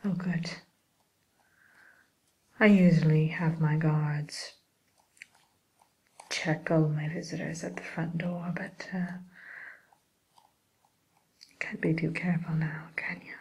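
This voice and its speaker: A woman playing a sly, genteel wicked witch in an ASMR roleplay, speaking in a breathy whisper with polite, coaxing hesitations. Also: sits low, little pitch movement, a little mellow, exaggerated voice. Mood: sly, probing. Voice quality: breathy whisper, mostly unvoiced. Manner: slow, polite, hesitant, coaxing tag questions.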